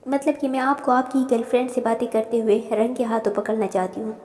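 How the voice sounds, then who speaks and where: A woman's voice: on the high side, fairly even intonation, fairly quick, a little mellow, natural voice. A woman voicing a playful, cheeky young female student in a storybook reading. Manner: bubbly, cheeky. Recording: roomy reverb.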